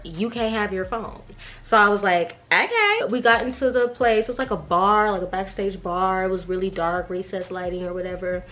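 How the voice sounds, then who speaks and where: Speaking in a bit bright, slightly high voice, a young vlogger gossips through an animated story in casual slang. Along the way she acts out snippets of dialogue.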